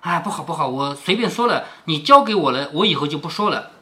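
A man reading the lines of a quick-witted young noblewoman who laughs off an accusation and then pleads with her friend. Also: on the high side, expressive, sharp tone. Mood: pleading.

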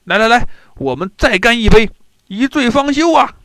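A man voicing a boisterous, hard-drinking general who brags loudly, in a storybook reading. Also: fairly high pitch, sing-song, takes it slowly, dry recording, heavily acted. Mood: rowdy. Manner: loud, jovial bragging.

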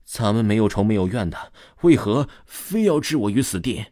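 A man voicing a cocky young man who blusters and shouts when frightened. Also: fairly low pitch, animated, moderate pace, no echo, studio quality, close to an everyday voice. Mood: desperate. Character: young man, cocky but easily scared.

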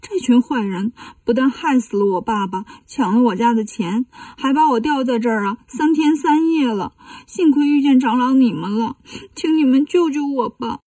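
A woman's voice: high voice, normal speed, hardly any pauses, mellow, breathy edge, no echo, far from the mic. A woman storyteller voicing a sly demon who poses as a tearful little boy, whining and pleading.

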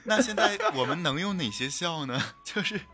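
A man's voice: fairly high pitch, lively intonation, moderate pace, over loud music. A man co-hosting a casual chat podcast, musing aloud in a playful, giggly way. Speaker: podcast co-host.

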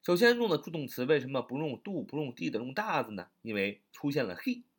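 A man's voice: mid-range voice, big pitch swings, fairly quick, breathy edge. A man teaching a spoken English lesson, explaining patiently, repeating phrases and using many fillers.

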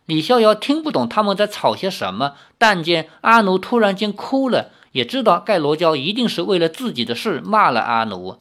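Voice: medium pitch, sing-song, normal speed, few pauses, fairly bright tone. A narrator reading a fantasy novel aloud as an audiobook.

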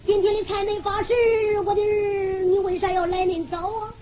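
A woman's voice: very high voice, lively intonation, moderate pace, a little mellow, a little hiss or hum. A woman voicing a poor, blind, elderly mother who frets and weeps, speaking with a Henan accent in a sobbing, sing-song storytelling manner. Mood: tearful scolding.

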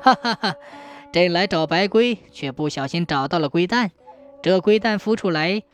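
A woman's voice: lowish voice, animated, moderate pace, soft background music, voice pushed down, lightly acted. A woman voicing a jovial, greedy male emperor who laughs and teases his officials. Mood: playful regal. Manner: laughing, mock-regal. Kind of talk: storytelling with acted dialogue.

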